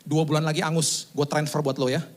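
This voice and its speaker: A man's voice: a little high, level tone, fast talker, natural voice. A man quoting a brash friend on the phone. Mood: breezy.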